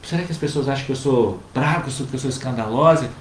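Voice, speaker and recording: A man, co-hosting a casual advice chat and calmly explaining to viewers. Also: mid-range voice, fast talker. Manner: calm, explanatory, addresses viewers directly. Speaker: co-host giving family advice. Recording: roomy with faint background noise.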